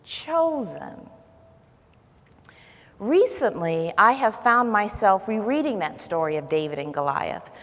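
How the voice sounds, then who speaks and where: A woman's voice: mid-range voice, sing-song, takes it slowly. Woman giving a keynote in a reverberant hall. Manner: storytelling, dramatic swings from quiet to emphatic. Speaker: keynote speaker. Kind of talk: conference keynote speech. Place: large conference hall.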